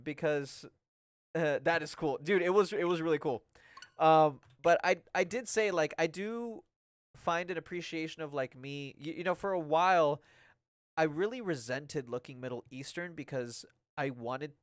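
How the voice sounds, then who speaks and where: A fairly high-pitched, slightly bright male voice comes through on a dry recording. The speaker, a young Mexican-American man on a live game stream, chats casually and rambles, peppering his speech with "like" and "um" and breaking into laughter often.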